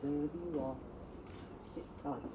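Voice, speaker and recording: A man's voice: on the high side, steady tone, takes it slowly, dull audio. A man protesting at an eviction outdoors, mocking and scolding in an accusatory, reproachful way. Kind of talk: heckling and scolding. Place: outdoors at a house during an eviction. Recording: distant and very noisy street audio.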